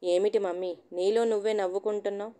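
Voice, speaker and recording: Gentle reassuring young daughter, read out by a woman, calm and patient. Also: medium pitch, fairly quick, clean tone, natural voice. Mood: caring.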